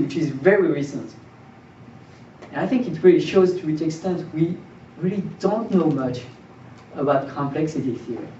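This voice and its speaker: A man's voice: on the high side, darkish tone. Young man lecturing in an echoey room. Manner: explanatory with restarts and repeated words. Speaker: math lecturer. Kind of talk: seminar lecture. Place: lecture room with projector screen. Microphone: far camera, no mic. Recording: roomy, distant, dull camera audio with faint hiss.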